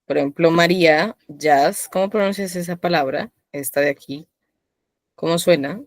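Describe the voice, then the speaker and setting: A woman's voice: on the low side, normal speed, dry recording. A woman teaching a live online language class, quizzing her students by name and patiently encouraging them. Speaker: Korean teacher.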